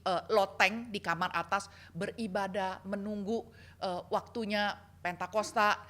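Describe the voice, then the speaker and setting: A woman preaching a sermon, telling stories and acting out the people she quotes. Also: mid-range voice. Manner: lively storytelling, acts out quoted voices.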